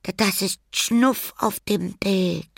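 A woman voicing a small, eager hedgehog girl in a children's audiobook, squeaky and stuttering. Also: slow, vocal fry, dry recording, clean studio sound. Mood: agitated.

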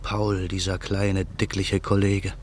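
A man narrating a radio drama in a measured, grave way. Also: sits low, monotone, darkish tone, a little hiss or hum.

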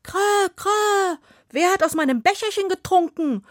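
A woman voicing enchanted talking ravens with shrill croaking cries. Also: a little slow, no room sound, clean studio sound. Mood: indignant croaking.

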